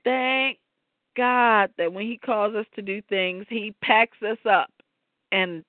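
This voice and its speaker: A woman's voice: mid-range voice, steady tone, slow pace, no echo. A woman co-hosting a faith talk show, reflecting on scripture in a loose, chatty way. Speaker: podcast co-host. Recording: tinny phone-like line, dry.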